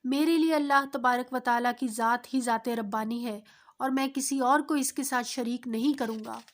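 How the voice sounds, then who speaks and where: A woman's voice: a little high, fairly even intonation, lightly acted. Earnest, humble poor farmer man, read by a woman. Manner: earnest, admonishing.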